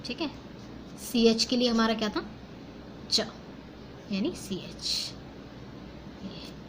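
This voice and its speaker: Young female teacher, Indian English accent, slightly high pitch, patient step-by-step explainer; light background noise. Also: measured pace. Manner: explains step by step, asks and answers own questions; mixes Hindi and English. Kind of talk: phonetics lesson.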